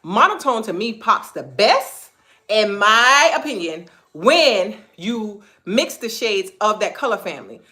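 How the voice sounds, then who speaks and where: Woman, Gullah Geechee accent, animated live-stream fashion host, roomy echo. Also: medium pitch, measured pace. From Beaufort, South Carolina, USA. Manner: animated, chatty, teasing asides to her husband. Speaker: clothing brand owner hosting a live stream. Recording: echoey room.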